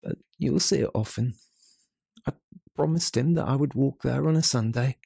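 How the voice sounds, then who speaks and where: A woman voicing a gentle, grieving middle-aged working-class father in an audiobook, with a husky, gravelly voice and a tender manner. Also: rumbling low, moderate pace, no echo, voice pushed down, exaggerated voice. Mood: tender, subdued. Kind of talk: dramatised audiobook character voice.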